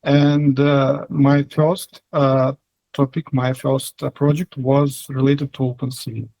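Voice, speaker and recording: A man with a Russian accent answering interview questions casually, in halting, hesitant phrases. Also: mid-range voice, flat delivery, gravelly, warm tone, no echo, poor audio. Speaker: software engineer, interview guest.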